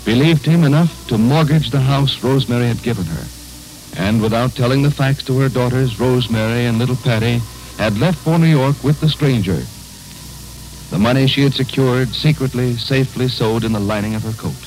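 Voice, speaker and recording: A man giving scripted narration for an old radio serial in a measured, dramatic manner. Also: medium pitch, darkish tone, faint music behind, rough recording.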